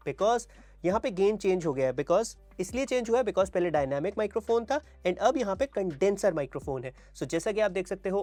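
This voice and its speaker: Speaking in a high but darkish voice with no echo, an Indian-accented gear reviewer demonstrates a product in his home studio. He explains its features one step at a time, slipping English terms into his Hindi, and moves from a wireless mic to dynamic and condenser mics.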